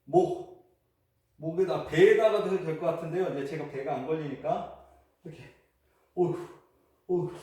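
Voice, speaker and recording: A man's voice: on the high side, fairly quick, long pauses, a little mellow. Man demonstrating a game from afar. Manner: chatty step-by-step instructions, frequent exclamations while moving. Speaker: host demonstrating a traditional Korean game. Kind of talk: unedited casual demonstration. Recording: echoey, distant camera audio with faint noise.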